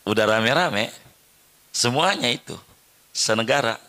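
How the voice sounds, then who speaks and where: A man's voice: mid-range voice, expressive, a little slow, sharp tone. A middle-aged man teaching a religious study lecture, repeating words and drilling Arabic pronunciation for his listeners. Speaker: Islamic teacher.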